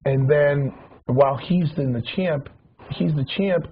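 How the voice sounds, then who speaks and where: A man in his forties with a fairly high voice speaks a little slowly, reminiscing during a casual talk show chat. He rambles, restarting often and repeating words. The recording is dull and lo-fi with a faint hiss.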